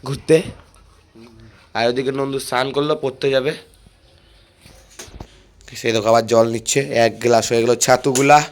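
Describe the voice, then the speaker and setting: A young man chatting to viewers while filming a casual phone vlog at home and on local roads, slightly hoarse. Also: medium pitch, steady tone, normal speed, pauses often. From India. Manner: chatty, addresses viewers as "guys". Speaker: vlogger.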